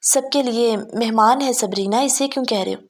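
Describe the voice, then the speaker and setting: A woman's voice: on the high side, lightly acted. A woman voicing a caring, fussing middle-aged aunt. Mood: concerned. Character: older aunt, motherly and concerned.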